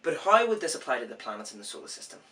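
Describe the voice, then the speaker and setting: Male science host, medium pitch, says w for r, informal and self-deprecating with rambling asides, distant mic. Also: sing-song, rapid-fire, bright, forceful tone. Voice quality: cannot say R clearly, says w for r. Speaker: host of an educational science series. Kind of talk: informal science explainer, part scripted, part ad-libbed.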